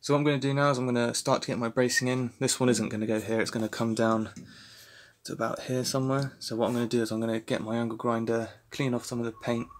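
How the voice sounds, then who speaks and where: Talking quickly in a mid-range voice, a young car restoration vlogger in his twenties walks through repair work in his home garage. The casual workshop narration, captured on a handheld phone, is relaxed and meandering, with plenty of fillers and restarts.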